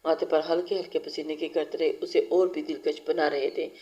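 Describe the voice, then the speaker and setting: A narrator reading a romance novel aloud in a steady storytelling style, with occasional restarts. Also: medium pitch, moderate pace.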